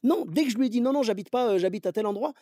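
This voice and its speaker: Un homme d'une trentaine d'années, animateur de podcast, qui raconte des anecdotes en discutant de façon décontractée en plein air. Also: male voice, extremely high pitch, expressive, rapid-fire, warm tone, dry recording, studio quality. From Clermont-Ferrand, France. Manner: chatty, anecdotal storytelling. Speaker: podcast host. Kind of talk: casual conversation. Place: outdoors in a cemetery.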